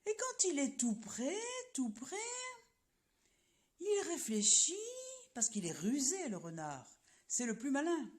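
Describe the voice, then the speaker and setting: A woman telling a children's story in an expressive, playful way, sometimes asking the listener questions. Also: high-pitched, slow.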